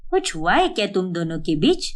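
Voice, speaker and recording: A caring older mother-in-law from an animated family story speaks in a lowered, steady voice, put on by a woman. She soothes her worried daughter-in-law and gently scolds the absent one. Her voice still moves up and down a lot. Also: moderate pace. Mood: concerned.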